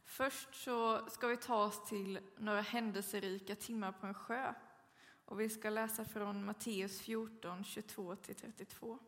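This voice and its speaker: A woman's voice: medium pitch, fairly even intonation, fairly bright tone, big-room sound. A woman giving a sermon in a church, telling a story in a conversational way with occasional fillers, then reading scripture. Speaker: preacher.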